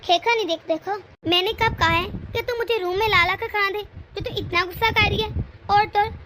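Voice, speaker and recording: A woman's voice: very high voice, fairly even intonation, brisk, pushed and bright, a little hiss or hum. A woman voicing a patient, dutiful elder daughter-in-law in a cartoon family drama, soothing and accommodating. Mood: placating.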